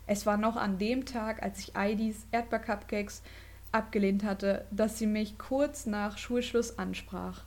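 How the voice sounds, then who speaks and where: A woman's voice: mid-range voice, fairly even intonation, unhurried. A woman podcast host reading a ghost story aloud in a dramatic storytelling manner.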